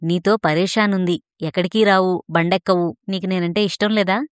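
A woman reading the part of a brash young man, impatient and teasing as he presses. The voice sits fairly low and close, with a dry, dead sound. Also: fairly even intonation, normal speed, clear, resonant tone, dry recording, close to an everyday voice. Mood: pushy.

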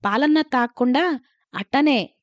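A woman voicing a village mother who has just lost her husband, speaking slowly through tears. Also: high-pitched, no room sound, lo-fi sound. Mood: tearful. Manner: tearful, slow. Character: grieving village mother, widow.

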